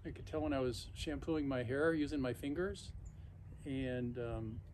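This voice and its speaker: Halting middle-aged man talking casually outdoors. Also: medium pitch, darkish tone. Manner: halting, reflective, with pauses mid-sentence. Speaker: vlogger. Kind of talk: casual unscripted monologue to camera. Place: backyard patio outdoors, sitting in an ice bath. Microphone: camera or phone a few feet away. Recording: outdoor noise, camera some feet away. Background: clear outdoor ambient noise.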